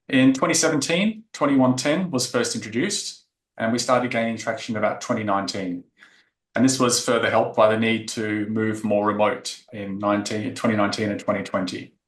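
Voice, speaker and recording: A man from Australia giving a technical conference presentation, explaining with frequent fillers. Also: fairly low pitch. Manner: explanatory, filler-heavy delivery. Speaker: tech talk presenter. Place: conference room. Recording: echoey conference room.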